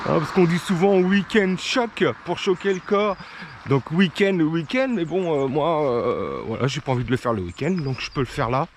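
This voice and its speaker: A man's voice: fairly high pitch, animated, normal speed, background noise. A man chatting to the camera as he runs hill repeats outdoors in the rain, casual vlog style. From France. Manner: chatty, talking to camera between climbs. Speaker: trail runner vlogger. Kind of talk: casual vlog while running.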